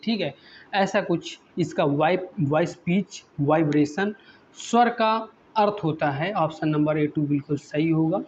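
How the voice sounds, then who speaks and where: A male teacher working through exam questions, reading each English question slowly, then explaining it in Hindi and asking his own prompts again and again. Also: fairly high pitch, a little mellow, lo-fi sound, a little hiss or hum.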